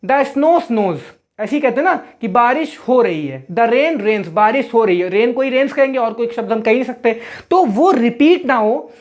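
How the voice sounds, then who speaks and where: Higher-voiced woman patiently teaching grammar. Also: a little mellow. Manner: patient, repetitive explaining, reads example sentences slowly. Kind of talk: online grammar lesson.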